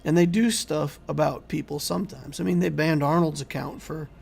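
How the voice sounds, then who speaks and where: A man hosting a casual game livestream, reading and answering viewer chat in a rambling, conversational way while he keeps losing his voice and clearing his throat. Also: a little high, steady tone, moderate pace, a little mellow. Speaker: YouTube game channel host.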